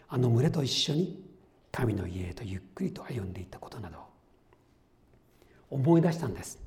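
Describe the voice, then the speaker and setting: A man preaching a sermon as pastor, earnest, rising to loud exclamations and dropping to soft whispered asides. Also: mid-range voice. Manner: quotes voices and his own notes conversationally.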